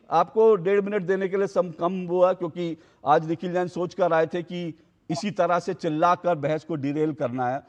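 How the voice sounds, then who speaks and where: Guy anchoring a heated tv debate, high voice, keeps hammering the same taunt, studio with long reverb. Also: dull audio. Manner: combative, repeats taunts over and over. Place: TV news studio.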